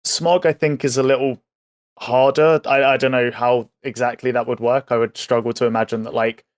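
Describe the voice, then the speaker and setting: Mid-pitched man, tentative in debate. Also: little pitch movement, normal speed. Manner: tentative, hedging. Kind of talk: casual debate chat.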